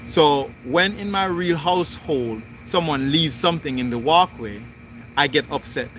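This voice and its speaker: A man hosting a spiritual livestream, talking through his thoughts in slow, deliberate, repetitive phrasing. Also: a little high, a bit bright, slight background noise. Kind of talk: reflective spoken monologue.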